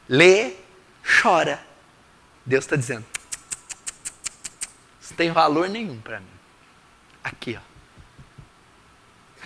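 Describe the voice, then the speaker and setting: A man preaching a sermon, asking the congregation rhetorical questions and swinging between loud declarations and hushed lines. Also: high voice. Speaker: pastor.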